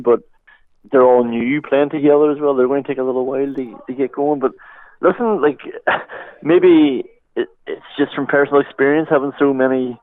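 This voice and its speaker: A man's voice: mid-range voice, no room sound. A man with an Irish accent gives casual, conversational sports analysis as a pundit. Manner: conversational, peppered with "like" and "you know". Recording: tinny, phone-like narrow band.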